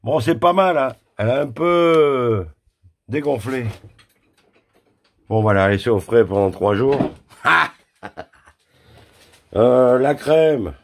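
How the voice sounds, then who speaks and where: A home cook vlogger talks straight to the viewer from his kitchen while he works, in an unhurried mid-range voice that pauses often. His manner is joking and self-mocking, poking fun at his own errors and swearing crudely.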